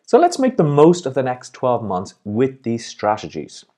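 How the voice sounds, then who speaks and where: A man's voice: medium pitch, huge pitch swings, normal speed, dark tone. A man hosting a motivational video as a life coach, talking in an upbeat, encouraging way and smiling as he speaks. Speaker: life and business coach, host.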